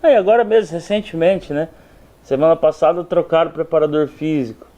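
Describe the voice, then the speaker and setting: A man's voice: on the high side, a little fast, muffled recording. A man giving blunt, opinionated football commentary in a studio chat, speaking straight to the fans. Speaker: sports commentator. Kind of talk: casual studio sports chat.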